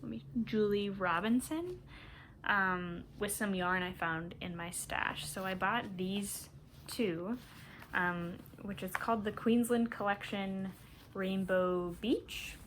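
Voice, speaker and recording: A woman from Minnesota hosting a knitting podcast in casual chat, chatty and rambling, often breaking into soft laughs. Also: medium pitch, slow pace, a little hiss or hum.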